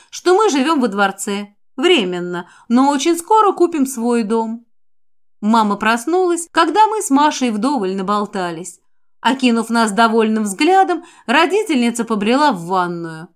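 Woman narrating fiction, slightly high voice. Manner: expressive, lifting her voice for the heroine's lines. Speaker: audiobook narrator. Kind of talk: first-person fiction reading.

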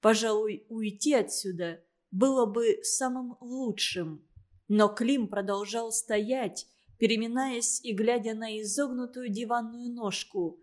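A woman narrating a novel in a steady, even storytelling manner. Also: a little high, slow pace. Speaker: audiobook narrator.

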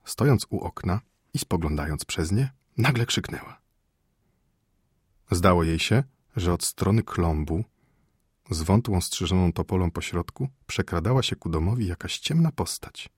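A man narrating a classic short story as an audiobook, in a measured, expressive manner. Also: low-pitched, breathy edge, dry recording, studio quality.

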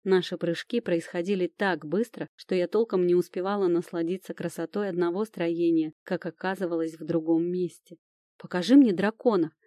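A woman reading a first-person fantasy story aloud, lively and expressive. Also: on the low side, moderate pace, few pauses, no echo, studio quality. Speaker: audiobook reader.

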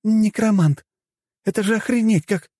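Male narrator doing a fiery princess, raised pitch, dry mellow read. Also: fairly quick, no room sound. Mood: excited. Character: fiery young female princess.

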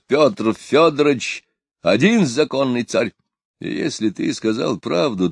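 A man voicing a furious, domineering rebel leader who claims to be tsar, shouting in slow, commanding declamation. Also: mid-range voice, dry recording, clean studio sound, pitched above the performer's own voice.

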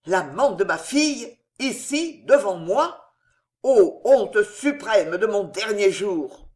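A reader voicing a proud dying old nobleman in an audiobook, declaiming loudly with anguish. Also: medium pitch, animated, slow pace. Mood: indignant. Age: older. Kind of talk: audiobook character reading.

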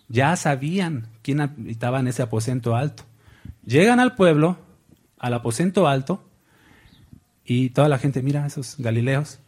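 A man's voice: on the high side, a little mellow. A man preaching a sermon, reading scripture aloud and asking his congregation questions that he answers himself.

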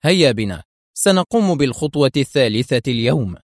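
A man voicing a composed male intelligence officer giving brisk instructions. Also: mid-range voice, no room sound, clean studio sound. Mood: calm. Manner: calm then urgent commands. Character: cool-headed male intelligence officer, commanding in danger.

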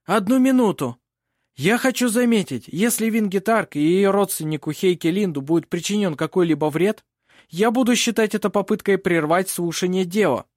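A man's voice: high voice, moderate pace, darkish tone, dry recording, clean studio sound, voice pushed up, close to an everyday voice. A man playing a bold, commanding lawyer who declaims to the court. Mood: forceful. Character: forceful male lawyer, bold courtroom orator.

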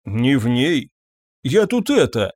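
A man voicing a stolid, unbothered stable hand who gives flat, laconic replies. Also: mid-range voice, slow, dry recording, clean studio sound.

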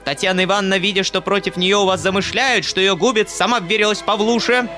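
A man voicing a shrill, furious, domineering noblewoman who scolds and shrieks at everyone. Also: fairly even intonation, fast, sharp tone, soft background music. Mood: shrieking fury.

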